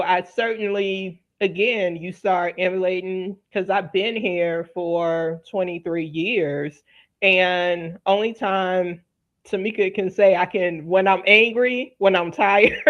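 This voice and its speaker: A woman from Louisiana with a faint Southern accent, hosting a panel and telling stories in casual conversation. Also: medium pitch. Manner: storytelling, conversational, quotes others. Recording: dull lo-fi audio.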